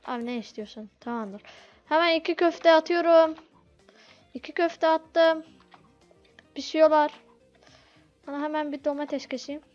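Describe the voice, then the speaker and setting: A woman's voice: sits high, unhurried, long pauses, a little mellow. A woman commenting casually on a restaurant game she is playing, flustered and begging her customers to be patient. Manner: flustered, pleads with impatient customers. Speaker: gameplay video host. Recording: dull lo-fi audio with game music.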